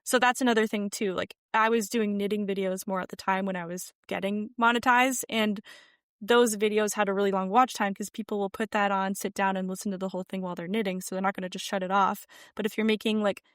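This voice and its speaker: A young woman guest on a podcast, chatting casually about her work from home, with lots of "like" fillers and lively emphasis. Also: medium pitch, quick pace, clear, resonant tone, dry recording, clean studio sound. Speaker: podcast guest, sewing content creator. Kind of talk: casual interview chat. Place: home room with yarn shelves.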